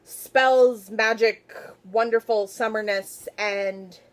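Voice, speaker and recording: A woman talking casually to her viewers in a book haul video, gushing and excitable. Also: fairly high pitch, slow pace, background noise. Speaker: book vlogger.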